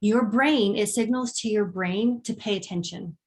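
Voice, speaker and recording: A woman's voice: mid-range voice, moderate pace. Woman leading a casual workshop. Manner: conversational, with frequent ums and acted examples. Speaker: workshop presenter.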